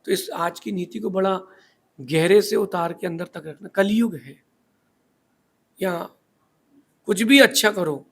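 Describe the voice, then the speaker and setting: A man's voice: high voice, slow pace, creaky, pauses often, slightly rough. A man giving a sermon in a preachy storytelling manner, asking rhetorical questions as a spiritual teacher.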